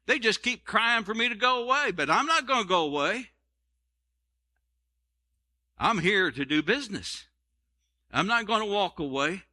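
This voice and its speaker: A man's voice: high voice, animated, moderate pace, pauses often, bright, forceful tone, voice pushed up, full character voice. A man preaching voices a Canaanite mother who complains, indignant and folksy, that she is being ignored. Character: indignant Canaanite mother pleading for her daughter.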